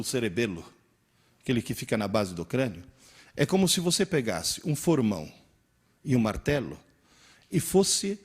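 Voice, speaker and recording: This Italian-born man in his sixties has a fairly high, slightly rough voice. Italian is his first language, and he delivers an animated, interactive lecture to teachers, full of stories and quizzes for the audience.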